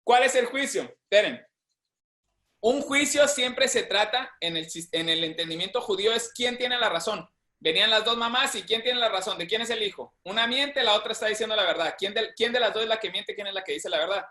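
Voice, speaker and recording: A man's voice: high voice, a little fast, bright, forceful tone, echoey room. A man, a seminar participant energetically retelling a Bible passage, often using the filler "este".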